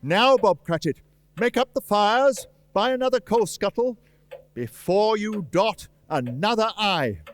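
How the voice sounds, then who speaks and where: A man's voice: high voice, lively intonation, measured pace. A man playing Ebenezer Scrooge, a reformed old miser, eager and generous, in a radio play performed on stage. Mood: joyful, generous. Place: live performance in a church.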